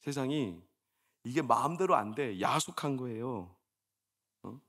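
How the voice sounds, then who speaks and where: Preaching at a measured pace, this forties-aged senior pastor has a medium-pitched voice with a breathy edge and lively intonation. His sermon feels conversational and full of rhetorical questions, veering between quiet storytelling and loud, exasperated bursts.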